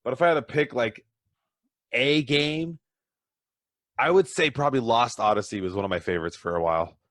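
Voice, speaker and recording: A man's voice: medium pitch, moderate pace, dry recording, studio quality. A man chatting casually as a podcast guest, rambling through stories with a self-deprecating streak. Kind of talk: casual chat.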